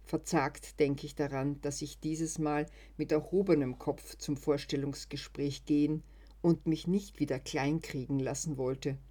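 A narrator reading a first-person short story in a calm, measured way. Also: medium pitch.

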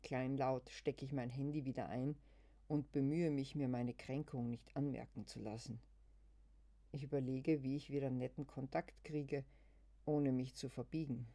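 A reader calmly telling a first-person story in a reflective way. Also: medium pitch, normal speed.

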